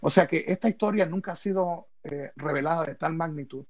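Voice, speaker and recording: Male podcast guest, ex-wrestler pastor, gravelly, halting, repetitive, lo-fi sound. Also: fairly high pitch. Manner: halting, repeats words, confessional. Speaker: guest, former pro wrestler turned pastor. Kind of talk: personal storytelling in a podcast interview.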